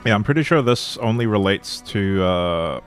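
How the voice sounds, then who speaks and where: A man with a lowish voice gives relaxed, playful live-stream commentary, explaining the game as he goes. Soft game music plays underneath him. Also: normal speed.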